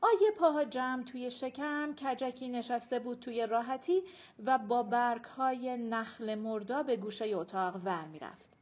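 A woman reading a novel aloud as audiobook narrator, expressive, dropping low at the ends of sentences. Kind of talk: scripted narration. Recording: dull lo-fi audiobook recording.

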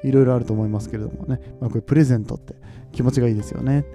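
Man, podcast host, very dark mellow tone, easygoing chat, chuckles, faint music behind. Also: medium pitch, racing. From Nagoya, Japan. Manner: relaxed, chatty, often chuckles, asks listeners questions. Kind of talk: casual solo chat.

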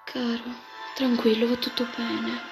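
A woman's voice: on the high side, little pitch movement, a little slow, voice pushed up. A woman voicing a sweet sixteen-year-old girl in love who speaks affectionately, with music playing behind. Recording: background music throughout.

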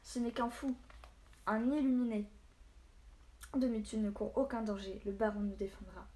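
A woman's voice: a little high, steady tone, moderate pace, mellow, close to an everyday voice. Woman reading a scornful village cobbler. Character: scornful village cobbler man, dismissive and loud.

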